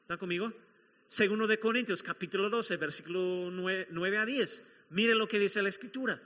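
Pastor, man, high sharp voice, emphatic preaching, dull recording with long hall reverb. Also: normal speed. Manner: emphatic, repeats key phrases, questions the congregation. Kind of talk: sermon.

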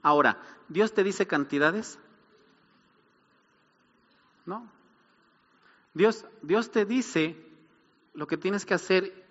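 Bright-voiced male pastor in a reverberant hall. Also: sits high, drawn-out words, pauses often, highs cut off. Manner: preaching with rising emphasis, rhetorical questions. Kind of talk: sermon.

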